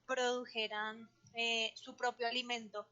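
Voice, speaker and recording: A woman's voice: on the high side, flat delivery, measured pace, pushed and bright, clear, resonant tone. A woman student asking her lecturer a question in an online class, hesitant and rephrasing with fillers. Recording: dull lo-fi call audio.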